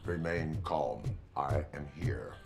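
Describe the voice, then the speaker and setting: Game role: stoic cyborg cop, deep voice, clipped formal orders, clear music behind. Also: male voice, exaggerated voice. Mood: stoic, controlled. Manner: measured, terse, formal, deadpan. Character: RoboCop, stoic armored cyborg police officer, middle-aged man. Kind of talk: video game voice acting.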